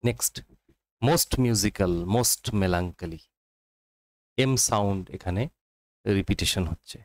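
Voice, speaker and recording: A man with a Bengali accent teaching English literature for exams, reading quotations slowly and explaining quickly in Bengali mixed with English. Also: sits low, dry recording, rough recording. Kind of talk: exam-prep literature lesson.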